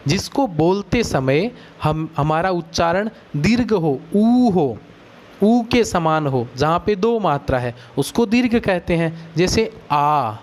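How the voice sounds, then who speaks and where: A man's voice: on the high side, expressive. A man teaching a Sanskrit grammar lesson, explaining patiently and stretching out vowel sounds to demonstrate them. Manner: patient, drawn-out, demonstrates vowel lengths aloud.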